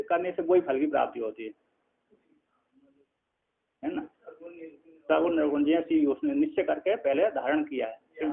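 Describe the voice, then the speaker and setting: A man, a spiritual teacher, giving a scripture lecture, explaining slowly with many repetitions and checking in with his listeners. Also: a little high, creaky. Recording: tinny phone-like lo-fi sound.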